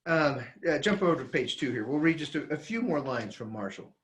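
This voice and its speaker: Animated, high-voiced man lecturing. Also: fairly quick. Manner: emphatic, animated, with frequent restarts. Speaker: teacher. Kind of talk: lecture reading from a handout.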